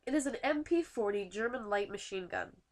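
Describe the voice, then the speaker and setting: A woman's voice: fairly high pitch, lively intonation, fairly quick, darkish tone. Stuffy-nosed teen girl doing a casual voice-over for her school project, kinda rambly and self-deprecating. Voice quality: nasal. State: stuffy nose from a winter cold. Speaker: student YouTuber.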